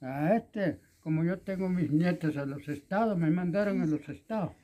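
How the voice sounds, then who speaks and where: A man's voice: a little high, normal speed, mellow. A very old man of ninety-one with a rural Guatemalan accent, chatting casually and repeating short phrases, recorded outdoors on a phone. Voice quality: very old man's voice. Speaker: elderly aid recipient being interviewed. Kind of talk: casual chat. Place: outside an adobe house, open porch. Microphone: phone camera a short distance away. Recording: noisy outdoor ambience.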